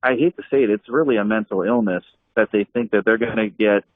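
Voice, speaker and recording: Speaking quickly in a fairly low voice, an anti-scam blogger shares rambling memories on a group call. The recording is dry, tinny call audio, and his storytelling is full of fillers, restarts, and frequent laughs.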